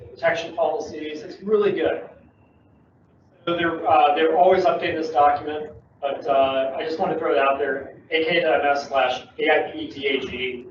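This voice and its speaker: Guy talking shop at a meetup, kinda high voice, dull lo-fi sound. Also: slight background noise. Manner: chatty, upbeat, jokey. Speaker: Microsoft security presenter. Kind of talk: casual meetup talk. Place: meeting room. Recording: echoey room from far, dull mic.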